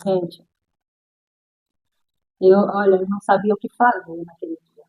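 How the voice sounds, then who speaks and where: A woman's voice: mid-range voice, measured pace, mellow, slightly rough, rough recording. A middle-aged woman with a Brazilian accent, a guest sharing her personal testimony in an interview and acting out the voices of the people in her story.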